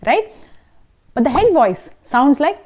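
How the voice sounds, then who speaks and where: Woman teaching singing, slightly high voice. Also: big pitch swings, takes it slowly, darkish tone. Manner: patient, explanatory, checks in with "okay?" and "right?". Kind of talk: vocal lesson with sung demonstrations.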